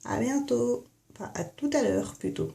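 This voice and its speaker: A woman's voice: on the high side, moderate pace, gravelly, warm tone, a little hiss or hum. A young woman casually talking through a hair and makeup tutorial in her bathroom, recorded on a phone headset mic, with lots of fillers. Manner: chatty, many fillers and "en fait". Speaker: beauty vlogger.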